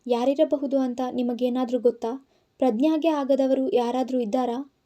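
A woman's voice: high-pitched, steady tone, normal speed, dark tone, close to an everyday voice. A woman voicing a worried young man who pleads and questions urgently, in an audio story. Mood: questioning.

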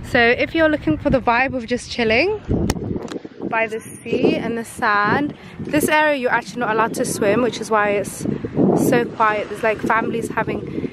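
Young female vlogger, relaxed and chatty, filming on a handheld camera outdoors; bright-ish voice over heavy ambient noise. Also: a little high, normal speed. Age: young adult. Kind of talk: casual vlog chat to camera. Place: outdoors in a hot city, cafes, beach and street. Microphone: phone or camera held at arm's length. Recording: loud outdoor noise and traffic.

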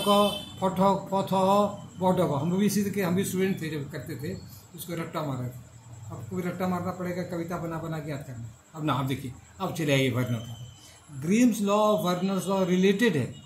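A man's voice: sits high, normal speed, background noise. A middle-aged male professor lecturing a class, repeating each point and checking that students follow. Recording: echoey classroom with faint ambience.

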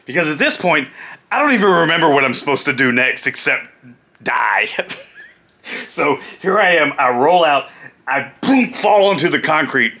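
A man's voice: fairly high pitch, moderate pace, a little hiss or hum. A middle-aged man, a former pro wrestler, animatedly telling a road story with laughs. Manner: animated, laughing, acting out voices. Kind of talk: storytelling vlog.

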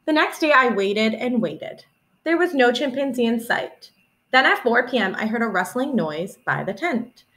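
Speaking in a fairly high pitch, this young teacher in her twenties brings a children's picture book to life with lively, expressive narration. The clip was captured by webcam indoors, in a small room of her home.

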